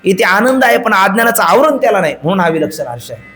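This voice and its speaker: A Vedanta preacher gives a devotional discourse in a high voice, talking fast. He is an animated storyteller who chants verses and acts out dialogue.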